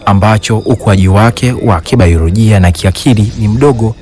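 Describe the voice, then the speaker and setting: A man reading a translated voice-over in a measured, serious way. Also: on the low side, a little mellow.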